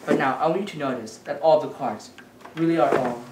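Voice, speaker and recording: This is a woman magician at a kids' party, offering patter, instructions and questions to her young audience. She has a deep voice and talks a little fast. The audio is noisy, echoey and picked up from a distance.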